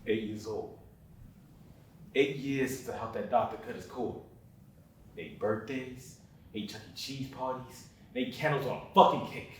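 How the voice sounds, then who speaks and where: A man's voice: medium pitch, moderate pace, slight background noise, lightly acted. A young man acting a monologue as a separated father full of regret, confessing in a brooding, profane way. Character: remorseful separated father who missed son's birthday. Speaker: student actor. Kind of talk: dramatic monologue. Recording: very echoey room, mic far off.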